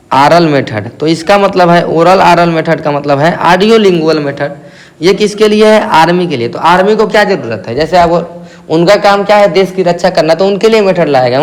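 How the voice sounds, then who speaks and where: A male teacher with a north Indian accent giving an exam-prep lecture, posing questions and answering them himself, repeating key terms slowly. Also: high voice. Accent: Hindi-speaking north Indian.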